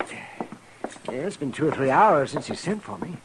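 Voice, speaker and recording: A crusty, skeptical frontier doctor for a classic radio western. The voice sits a little high and swings expressively. Clear hiss covers the old recording. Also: male voice, expressive, measured pace. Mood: dry, skeptical.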